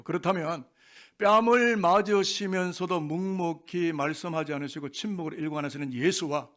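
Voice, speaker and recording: A man's voice: on the high side, a bit bright. A man preaching a Sunday sermon as pastor, asking the congregation rhetorical questions. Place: church sanctuary.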